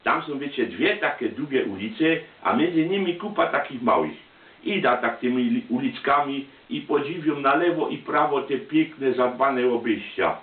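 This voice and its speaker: A man with a Silesian accent delivers a personal monologue in chatty dialect. His medium-pitched voice comes through thin and boxed in, away from the mic in a reverberant room. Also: expressive, normal speed. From Silesia, Poland. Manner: chatty, colloquial. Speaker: storyteller, amateur photographer. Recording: tinny, roomy, distant microphone.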